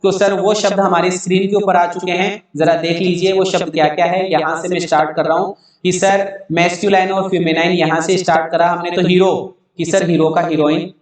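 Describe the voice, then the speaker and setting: A man's voice: sits high, level tone, fairly quick, heavy reverb, recorded from a distance. A man teaching an online English grammar lesson, spelling words out letter by letter and answering his own questions.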